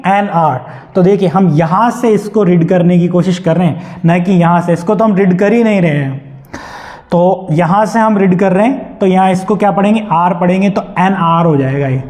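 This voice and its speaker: High, mellow-voiced Hindi-accented teacher. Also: male voice, normal speed. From India. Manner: asks questions to the class and answers them himself. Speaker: English teacher. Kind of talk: classroom lesson explaining grammar.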